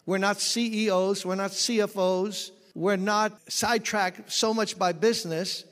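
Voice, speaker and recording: Speaking a bit slowly, this male pastor has a high, slightly bright voice with fairly even intonation, and the sound carries a big-room echo. He does expository preaching, unpacking scripture and sharing personal stories from his ministry.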